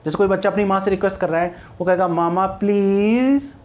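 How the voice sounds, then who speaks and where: A man's voice: sits high, little pitch movement, very fast. A man with an Indian English accent teaches phonetics to exam candidates. He explains step by step and repeats key points, and he keeps stopping to ask whether the class is following. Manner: explains patiently with checking asides and repetition. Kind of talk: exam-prep lecture in Hindi mixed with English.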